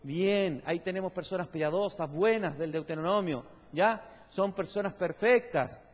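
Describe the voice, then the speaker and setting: Unhurried and high-voiced, a man stands at a pulpit on stage in a large church hall, preaching in an explanatory, emphatic way and putting questions to the people. The hall's long reverb makes the sound echoey.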